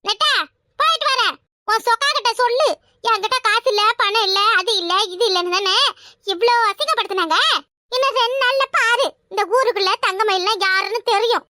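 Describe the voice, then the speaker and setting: A woman voicing a brash, quarrelsome village woman in a cartoon, talking loudly and boastfully. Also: very high voice, fairly quick, no echo, studio quality. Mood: defiant. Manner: loud, boastful, argumentative. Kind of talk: cartoon voice acting.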